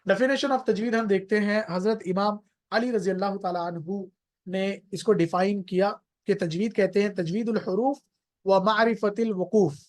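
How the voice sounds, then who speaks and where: A tajweed teacher giving an explanatory religious lesson, patiently defining terms one by one with everyday examples and slowing down on English phrases. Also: mid-range voice, fairly even intonation, darkish tone. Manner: slows down sharply on English phrases.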